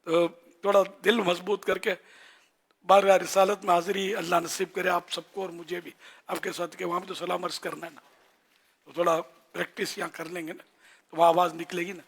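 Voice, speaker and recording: An older man gives a religious talk in a Pakistani Urdu accent. His voice is fairly high and gravelly. He teaches in a conversational way and slows down to demonstrate phrases. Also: level tone, a bit bright. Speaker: religious scholar.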